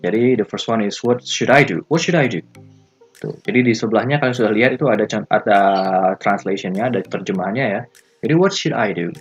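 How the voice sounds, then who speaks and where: A man with an Indonesian accent teaching an English lesson, switching languages and repeating example phrases slowly for students to copy. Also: medium pitch, husky. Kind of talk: recorded classroom lesson.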